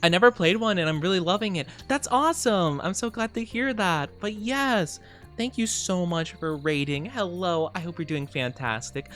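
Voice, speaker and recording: A man's voice: high-pitched, animated, normal speed, a bit bright, faint music behind. A man hosting a livestream as a VTuber, chatting casually while he plays a game, with effusive, gushing greetings and a cutesy, cooing way of talking. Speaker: VTuber streamer host.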